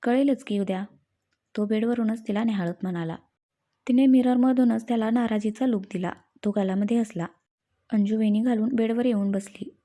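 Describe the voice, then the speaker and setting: A woman narrating a scripted romance story with a gentle, even storytelling manner. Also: fairly high pitch, normal speed.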